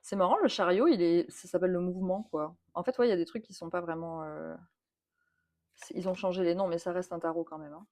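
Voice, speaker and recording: A French woman chats casually through a tarot deck unboxing. Her voice sits a little low, and she repeats words and fills pauses with euh as she goes. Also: darkish tone. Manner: chatty, repeats words, many fillers. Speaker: tattoo artist and tarot channel host.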